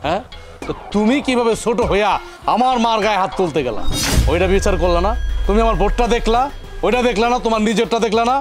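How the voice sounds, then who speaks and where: A high-voiced actor talks fast in a lightly acted delivery as an angry young husband berating his sister-in-law. The mood is indignant and scolding, the accent colloquial Bangladeshi Bengali, with faint background music.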